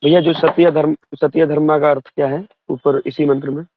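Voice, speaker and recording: A man, a student in an online class, reciting verses in a slow, flat, measured way over a thin, crackly phone line. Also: a little high. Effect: thin, crackly phone-line sound. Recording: tinny dry phone-line call.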